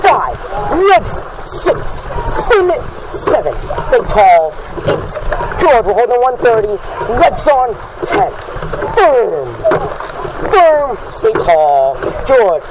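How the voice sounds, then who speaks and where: A male coxswain with a very high voice drives his rowing crew with urgent, commanding calls. He spaces out short counts and repeated words, with lively swings in pitch. It is recorded outdoors on the water, with heavy noise behind him. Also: slow. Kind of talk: shouted race calls to a crew. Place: outdoors in a rowing boat on a lake. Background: loud boat and water noise.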